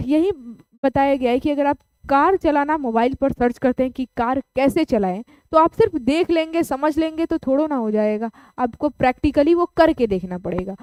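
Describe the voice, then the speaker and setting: Brief: woman teacher, high voice, dry close sound, explains through examples. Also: a little mellow, no room sound. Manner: explains with everyday examples, checks in with "okay?". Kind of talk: online class lecture.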